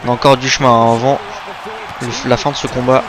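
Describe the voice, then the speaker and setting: A man's voice: mid-range voice, little pitch movement, fast talker, crowd noise, noisy background. A man doing play-by-play wrestling commentary, calling out the moves and exclaiming at the big ones. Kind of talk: play-by-play wrestling commentary of a video game match.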